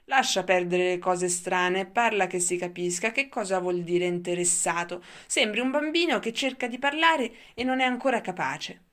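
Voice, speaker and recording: A woman's voice: on the low side, fairly even intonation, normal speed, hardly any pauses, lightly acted. A woman voicing a blunt, impatient young male tribesman in an audiobook. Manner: blunt, demanding.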